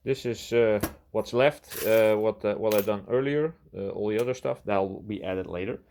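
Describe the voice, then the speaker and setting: A man's voice: lowish voice, normal speed, darkish tone, a little hiss or hum. A man giving casual, unscripted workshop commentary, his voice muffled through a face mask. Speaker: hobby metal-casting video maker. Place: garage workshop with doors open.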